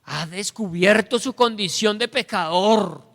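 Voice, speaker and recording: A man with a Colombian accent preaching a sermon as pastor, animated, acting out the voices of the people he quotes. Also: sits high, a little slow. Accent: Colombian Spanish. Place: church sanctuary. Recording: echoey church hall.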